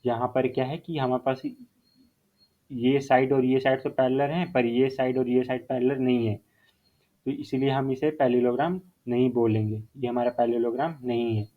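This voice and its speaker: A man's voice: medium pitch, fairly even intonation, normal speed. A male math teacher explaining a whiteboard lesson step by step, repeating key terms and mixing in English phrases. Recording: phone-like narrow sound.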